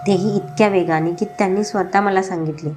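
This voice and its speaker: A woman's voice: medium pitch, fairly even intonation, a little fast, over music, lightly acted. A woman voicing an arrogant, wealthy young man who talks in a mocking, commanding way in a storybook reading.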